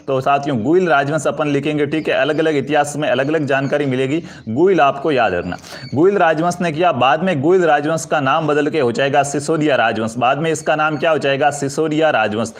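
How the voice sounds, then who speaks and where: A man's voice: fairly high pitch, brisk. A man teaching an exam-prep history lesson, asking questions and answering them himself while calling his students friends. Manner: addresses students as friends, asks for comments and likes.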